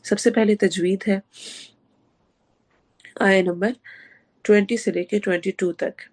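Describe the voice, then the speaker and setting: Her voice is mid-range, steady, and darkish, a bit hoarse from a sore throat. Teaching an online Quran recitation class, she explains each sound methodically, questions students, and mixes in English words.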